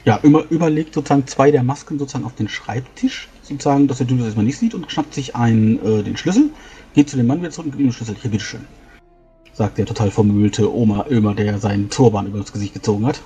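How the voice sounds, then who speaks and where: A man casually narrates his character's moves in a tabletop game. He talks fast in a mellow, lowish voice, with faint music behind.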